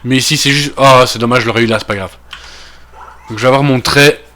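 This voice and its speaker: A man's voice: mid-range voice, fairly even intonation, fast talker, sharp tone. A man from Belgium with a Belgian French accent, getting over a cold, talking through a video game in casual commentary full of fillers and trailing asides. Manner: thinking aloud, many fillers and trailing asides. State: recovering from a cold. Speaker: gaming video creator.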